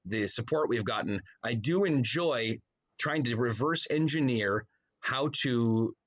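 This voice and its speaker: In a muffled recording, a man speaks as a guest in a casual podcast interview, his medium-pitched voice animated and his pace measured. He's a rambling storyteller who interrupts himself often, slipping into frequent asides that trail off.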